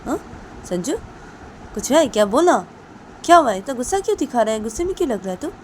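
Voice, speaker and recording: A woman acting out a concerned college friend who pleads and questions in a high, rising voice. Steady noise and passing vehicles sit behind this storybook voice. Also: fast. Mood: pleading. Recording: noisy background with passing vehicles.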